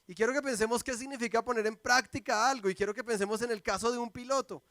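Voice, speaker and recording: A man in his thirties, a pastor, preaching a sermon and telling family stories with lively, acted-out quotes. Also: extremely high pitch, fast talker, dry recording. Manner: lively storytelling, acts out quoted voices. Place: church sanctuary.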